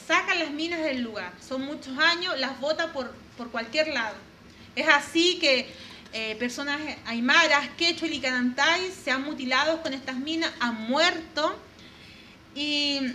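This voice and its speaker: A woman from northern Chile speaks, giving an earnest, measured presentation. Her voice sits high and bright, and she pauses often. Faint background noise runs under her speech. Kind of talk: formal presentation to an audience.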